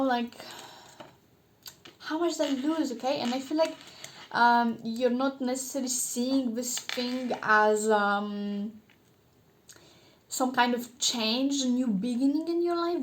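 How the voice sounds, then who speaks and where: Female tarot reader, casual and rambling, slightly high voice. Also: a little hiss or hum. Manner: rambling, many fillers and restarts. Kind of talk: casual tarot reading to camera.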